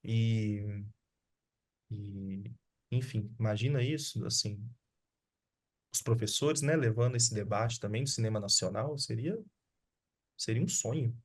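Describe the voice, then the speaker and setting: A man's voice: fairly low pitch, unhurried, pauses often. A man, a guest filmmaker talking casually over a video call, loose and slangy, often restarting his sentences. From Sabará, Brazil. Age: 30s. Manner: relaxed, slangy, with frequent restarts. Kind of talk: casual online conversation.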